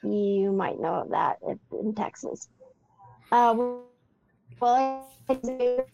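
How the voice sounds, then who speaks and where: A woman co-host talking over a remote call whose audio keeps breaking up and dropping words, so her speech comes out halting. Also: fairly high pitch, gravelly, mellow, dry recording, faint music behind. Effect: choppy remote call audio breaking up. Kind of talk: casual chat. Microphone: remote call connection. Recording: dull lo-fi call line.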